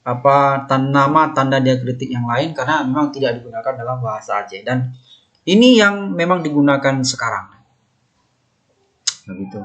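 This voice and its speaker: A man teaching a recorded lesson, patiently explaining and repeating each term slowly while pointing at marks on a slide. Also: a little high, a bit bright. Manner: patient, explanatory, with many fillers.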